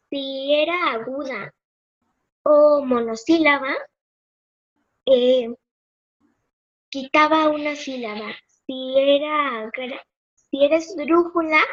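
A woman student answering in an online class, thinking aloud slowly with fillers. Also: sits high. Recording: dull lo-fi call audio.

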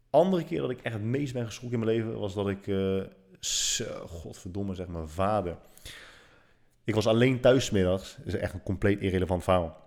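Thirties male streamer, lowish voice, loose chatty delivery, curses and self-deprecating humor. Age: 30s. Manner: animated, swearing, self-mocking. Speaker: livestream host. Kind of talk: casual storytelling monologue.

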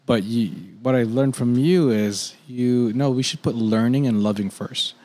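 A man's voice: mid-range voice, a little slow, darkish tone. Reflective man in casual faith chat. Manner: reflective, with restarts and repeated words.

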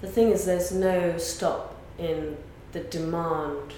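Woman, animation worker, thoughtful casual chat, low voice, faint noise, roomy. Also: fairly even intonation, slow, mellow. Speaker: animation industry guest.

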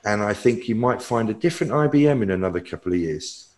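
Male tech pundit, low voice, rambling opinionated answers. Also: animated, fast talker, darkish tone. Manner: rambling, self-correcting, opinionated. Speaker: technology expert guest. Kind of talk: answering viewer questions.

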